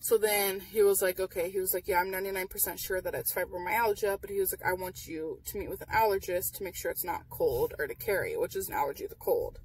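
Young woman vlogger, husky, candid and matter-of-fact, tired, slightly distant car mic. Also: mid-range voice, fast talker, few pauses. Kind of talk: casual chat. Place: parked car at night. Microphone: camera on dashboard.

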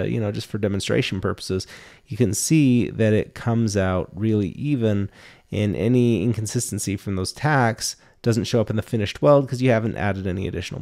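A man in his thirties teaching welding to camera, explaining each step in a practical, calm way from a small indoor shop. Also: fairly low pitch. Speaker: welding instructor. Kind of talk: instructional talk to camera.

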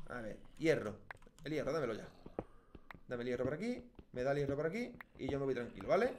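A man's voice: a little mellow, a little hiss or hum. A man from Spain giving casual Let's Play commentary, chatting to himself and his viewers and yelping when things go wrong. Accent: Spanish from Spain. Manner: chatty, talks to himself and viewers, bursts into high yelps at deaths. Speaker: gaming YouTuber.

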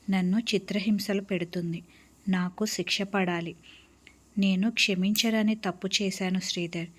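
A woman's voice: medium pitch, natural voice. A woman storyteller voicing an obsessed young man who confesses his crime with tears. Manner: tearful confession.

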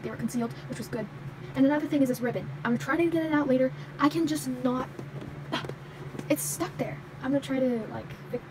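A young woman chatting casually as she shows off the pieces of a toy vet clinic playset, with lots of fillers like "like" and "um". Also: fairly high pitch. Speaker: toy unboxing vlogger. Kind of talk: casual unboxing show-and-tell. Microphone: handheld phone camera, speaker off screen. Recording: audible background noise.

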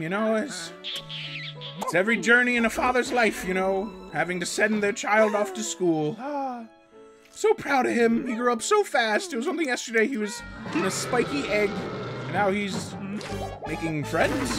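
A performer voicing an excitable cartoon man who rambles and yelps in alarm while reacting to his own cartoon episodes. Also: mid-range voice, moderate pace, close to an everyday voice. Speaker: reacting host character. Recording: loud music playing underneath.

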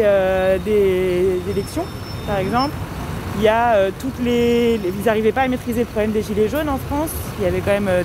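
A woman stopped on a city street answers into a handheld mic, hesitant and pausing often. Traffic and city bustle run clearly behind her. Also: a little high. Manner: hesitant, with many pauses. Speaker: passer-by interviewed in the street. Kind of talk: casual street interview answer. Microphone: handheld interviewer mic. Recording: outdoor street recording with traffic noise.

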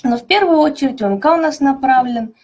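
A woman methodologist presenting a teaching webinar, explaining clearly and stressing key words. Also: high voice, quick pace, a little mellow.

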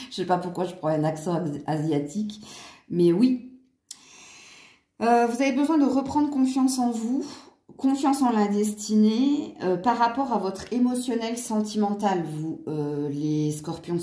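A woman's voice: mid-range voice, mellow, roomy sound. A woman doing a casual angel card reading, chatty with many fillers and small laughs. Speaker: card reader.

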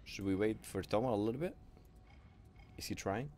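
A man streaming a game live, chatting casually and playfully, thinking out loud and humming nonsense syllables while he plays. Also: on the low side, moderate pace. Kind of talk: casual live gameplay chat.

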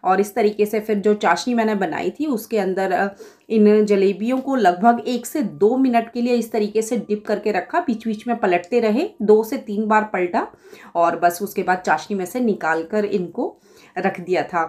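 A woman's voice: medium pitch, moderate pace, darkish tone. A woman in her forties from India, explaining a home recipe step by step in a chatty voice-over with small fillers. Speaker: cooking vlogger.

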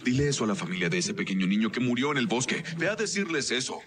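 A man's voice: mid-range voice, expressive, fast talker, background noise, close to an everyday voice. A man with a Latin American Spanish accent dubbing a stern, hot-tempered police commissioner in a TV drama, heated and insistent. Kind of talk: dubbed TV drama. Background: loud dramatic score.

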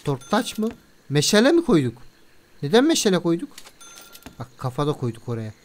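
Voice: medium pitch, huge pitch swings, brisk. A game video creator giving casual let's-play commentary in a playful way, chatting to viewers and scolding the game characters.

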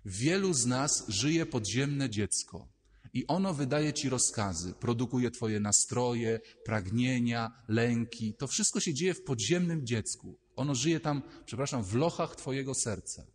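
Husky-voiced priest preaching in a reverberant church. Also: male voice, mid-range voice, measured pace. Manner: lively, conversational preaching that acts out inner voices. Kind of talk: sermon.

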